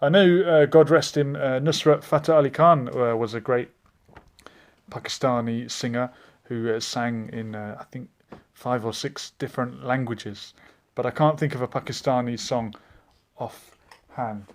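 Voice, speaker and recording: A man's voice: mid-range voice, steady tone, a little slow. A man hosting a casual live stream, reading out viewer comments and chatting in a meandering way with frequent hesitations.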